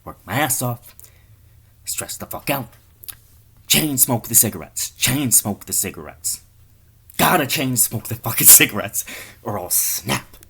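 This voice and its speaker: A man's voice: low voice, a little slow, long pauses, a bit bright, husky, heavily acted. A man voicing a stressed, swearing male chain smoker who rants about debt in a weary voice. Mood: ranting.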